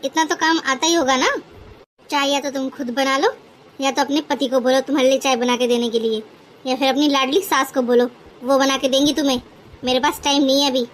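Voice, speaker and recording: A woman voicing a sharp-tongued elder daughter-in-law. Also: high voice, lightly acted. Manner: scolding, lecturing. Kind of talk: cartoon voice acting.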